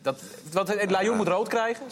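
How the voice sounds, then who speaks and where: A man's voice: sits high, moderate pace, a little hiss or hum. A man, a frank football pundit in a casual studio discussion, often restarting mid-sentence.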